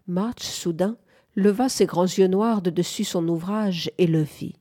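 A woman reading a novel aloud as narrator, in a calm, measured manner. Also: on the low side. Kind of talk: audiobook narration.

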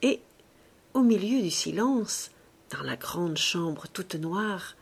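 A woman reading a novel aloud in a measured, expressive narration. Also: lowish voice, creaky, husky. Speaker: audiobook reader. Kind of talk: scripted literary narration.

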